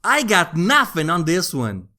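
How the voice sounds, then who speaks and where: A man's voice: high voice, huge pitch swings, unhurried, bright, forceful tone. A man narrating a scripted video game review as its host, conversational and wry. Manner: conversational, wry, jokey asides. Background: background music.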